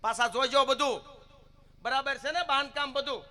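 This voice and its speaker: A man voicing a nagging wife who keeps calling after her husband, in a shrill, insistent voice. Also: steady tone, moderate pace, sharp tone, exaggerated voice.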